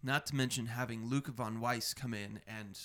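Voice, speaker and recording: A man with a middle-pitched, bright and smooth voice hosts a tabletop role-playing game. He talks to the players as game master, walking them through the story. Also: steady tone, moderate pace. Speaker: game master and show host.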